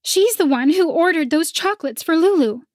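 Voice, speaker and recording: A woman doing a shrill snooty potion seller. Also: expressive, normal speed, no room sound, studio quality. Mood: haughty. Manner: shrill and haughty. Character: snooty winged female potion seller, scheming.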